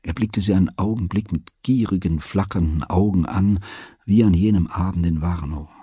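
A man narrating a literary novel in an audiobook, reading in a calm, even way. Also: low voice, normal speed, slightly rough, no room sound, studio quality. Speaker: audiobook reader. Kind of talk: scripted narration.

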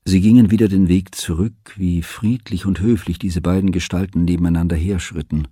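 A man narrates a literary novel at a calm, even pace. His voice sits low and sounds very husky, and the close-miked booth recording is dry. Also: a little fast, dry recording. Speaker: audiobook reader. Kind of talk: scripted narration.

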